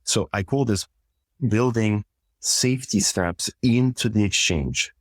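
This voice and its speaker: A man's voice: lowish voice, measured pace, no room sound, clean studio sound. A middle-aged man, a couples therapist, explains communication steps one by one in a podcast conversation and acts out short example dialogues.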